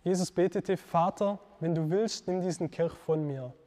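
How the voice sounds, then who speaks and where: A man gives a devotional teaching talk in a slightly high voice, earnest and reflective. He pauses with fillers and corrects himself as he goes. His voice rings with a long reverb. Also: dark tone.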